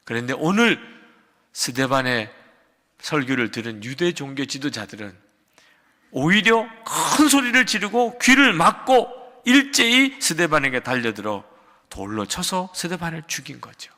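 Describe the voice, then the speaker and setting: A man's voice: very animated, a little slow. Older man preaching in a reverberant church. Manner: dynamic preaching, swings from loud emphatic peaks to quiet low asides; acts out a shouting quarrel in quotes. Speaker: pastor. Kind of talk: sermon. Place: large church sanctuary. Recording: long hall reverb of a church sanctuary.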